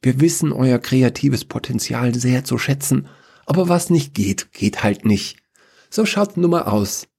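A man's voice: mid-range voice, lively intonation, unhurried, vocal fry, darkish tone, breathy edge, pitched above the performer's own voice, exaggerated voice. A man voicing a breezy young woman administrator who speaks in a chirpy, offhand way.

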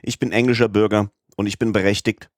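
Man reading as a calm, formal English gentleman. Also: lowish voice, fast, no echo, studio quality, voice pushed up, close to an everyday voice. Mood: composed. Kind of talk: audiobook character reading.

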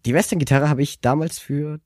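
A man's voice: a little high, steady tone, fairly quick, a little mellow, no echo, studio quality. A man chatting casually as podcast co-host, rambling and hesitant with many fillers. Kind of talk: casual chat.

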